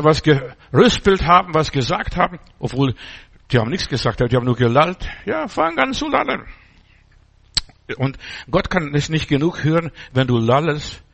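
Older male preacher, fervent and repetitive, slightly raised pitch, faint radio sound behind him. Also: fairly bright tone. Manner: fervent, repetitive, with halting restarts. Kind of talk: sermon.

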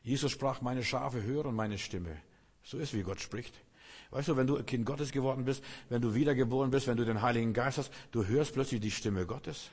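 A middle-aged male pastor delivers a fervent sermon. He rises into loud, emphatic calls and falls back into quiet, intimate phrases. His voice carries a long reverb from a large church hall. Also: medium pitch, normal speed, slightly rough. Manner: emphatic preaching, swings between loud and hushed.

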